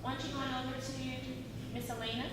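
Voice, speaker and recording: Woman, acting teacher, lively and questioning; high voice, distant, noisy room recording. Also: fast. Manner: lively, asks the class many questions. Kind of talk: classroom workshop teaching. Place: classroom. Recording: echoey room, far from the mic, noisy.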